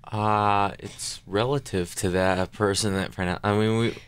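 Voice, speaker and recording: A man's voice: lowish voice, steady tone, a little slow, clean tone. A young man, a band member guest on a radio interview, talking casually and rambling with lots of filler words.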